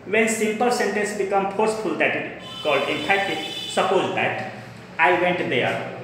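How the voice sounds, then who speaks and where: Indian male English teacher, bright forceful voice, repeats terms, very echoey room. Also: high voice, expressive, a little slow. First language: Hindi. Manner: repeats terms, spells words aloud, explains in Hindi. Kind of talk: classroom grammar lesson. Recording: echoey room with long reverb, faint noise.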